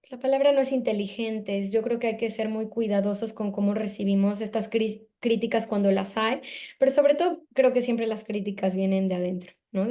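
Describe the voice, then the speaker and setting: A woman's voice: medium pitch, dark tone. A Mexican woman with a Mexican accent, a guest in a casual interview, talking reflectively with many asides and tag questions. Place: in Spain.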